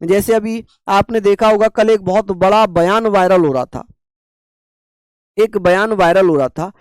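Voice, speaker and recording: A man teaching a class on constitutional rights, asking rhetorical questions and slowly repeating key terms. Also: high-pitched, clean tone, no echo, studio quality.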